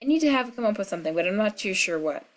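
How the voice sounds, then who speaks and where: A young woman with a slight cold talks through a game at home in loose, rambling commentary. She is chatty and full of fillers and side remarks, and her voice sits at a middle pitch. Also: lively intonation, very fast. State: sick with a cold, clearing throat. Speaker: gaming vlogger. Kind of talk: casual rambling commentary over gameplay. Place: at home in the country.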